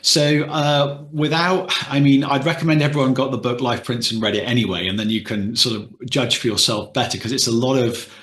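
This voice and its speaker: A man's voice: medium pitch, steady tone, a little fast, few pauses, a bit bright. Male host, hesitant rambling questions, echoey room on a call. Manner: hesitant, rambling, many restarts. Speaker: podcast host. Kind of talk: casual interview questions.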